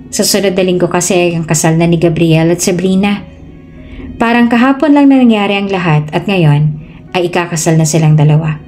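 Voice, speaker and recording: A woman storyteller narrating a dramatic tale in steady scripted narration. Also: lowish voice. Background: soft background music.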